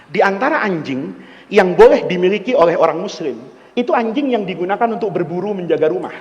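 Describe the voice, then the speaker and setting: A man voicing a patient middle-aged male dog trainer who explains things calmly and plainly, in a lower register than his own voice. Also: a little fast, long reverb tail, dull audio. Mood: explaining.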